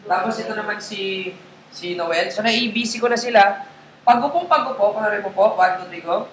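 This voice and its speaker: A man's voice: high voice, normal speed, a bit bright. Guy running a sales training, taglish, keeps going "okay? tama?", echoey room with faint noise. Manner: casual, mixes English into Tagalog, checks in with listeners often. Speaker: network marketing trainer. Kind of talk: live coaching session to a group. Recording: roomy echo, faint background noise.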